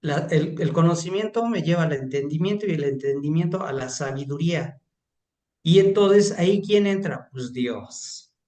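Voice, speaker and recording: A man's voice: a little high, expressive, normal speed, mellow. A man, a pastor and counselor, sharing a rambling, emphatic story in an online class. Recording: roomy echo.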